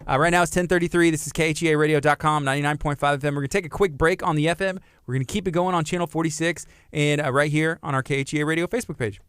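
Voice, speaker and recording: A man's voice: a little high, steady tone, racing, few pauses, a bit bright, clean tone, no echo. A man in his thirties with a Texan accent, hosting a casual radio chat show in a studio, playful and laughing often. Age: 30s. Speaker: radio host.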